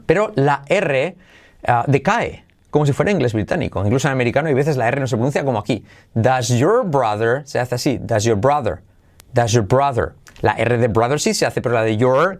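A man teaching English pronunciation to Spanish speakers, repeating phrases slowly and rhythmically and explaining in quicker bursts. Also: medium pitch, expressive. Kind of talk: language lesson, drilling phrases.

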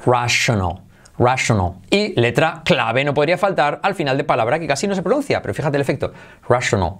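A man with a Spain Spanish accent teaches English online in a lively way, pausing to repeat each word slowly and clearly. His voice sits at an ordinary middle pitch for a man. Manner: lively, repeats words slowly to drill pronunciation. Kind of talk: online language lesson.

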